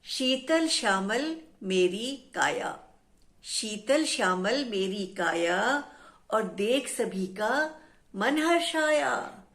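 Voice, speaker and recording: A patient, gently teasing shadow, as a woman storyteller puts her on, speaking softly and evenly in rhyme. Her pace is slow and unhurried. It is a children's storybook telling. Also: a little high, full character voice. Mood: calm. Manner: soft, even, rhyming speech.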